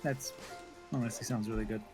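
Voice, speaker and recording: A man's voice: on the low side, steady tone, a little fast, a little mellow, soft background music. A man co-hosting a game stream, bantering and teasing in casual chat.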